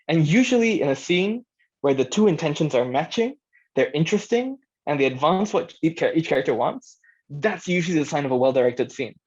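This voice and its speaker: An audio drama director presenting an informal workshop talks in a medium-pitched, slightly mellow voice. He's conversational, thinking aloud and checking in with listeners, and the audio is dull, lo-fi and band-limited.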